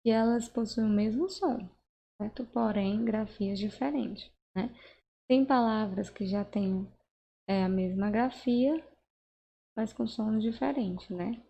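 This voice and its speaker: A woman's voice: on the high side, takes it slowly, gravelly, mellow, highs cut off, slight background noise. A woman teaching a grammar lesson, explaining patiently step by step and checking in with the listener. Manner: patient, explains step by step with frequent tag questions. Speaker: Portuguese teacher.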